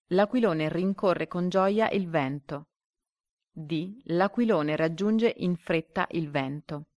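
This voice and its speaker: Low-voiced woman reading a lesson aloud. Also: darkish tone, no echo, studio quality. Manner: slow and deliberate when reading quiz options. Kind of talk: reading a story and a comprehension quiz aloud.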